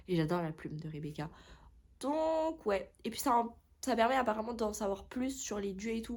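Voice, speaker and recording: Chatty young woman rambling casually. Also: medium pitch. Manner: rambling, chatty, self-correcting. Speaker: book vlogger. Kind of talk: casual chat.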